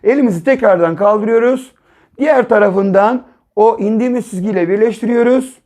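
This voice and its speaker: A male primary school teacher speaks to young children in a slow, patient voice. He sounds out syllables one at a time and repeats each one. He keeps checking that the children are following along. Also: sits high, darkish tone. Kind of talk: early reading and writing lesson for children.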